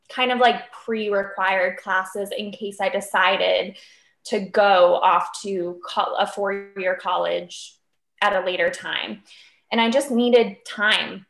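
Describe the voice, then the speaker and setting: Podcast guest: upbeat woman of 25 from Cape Cod, casual and filler-heavy, middle pitch, recorded in a reverberant room. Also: vocal fry, a bit bright. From Cape Cod, Massachusetts. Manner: chatty, upbeat, with many fillers like "um" and "like". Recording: roomy echo.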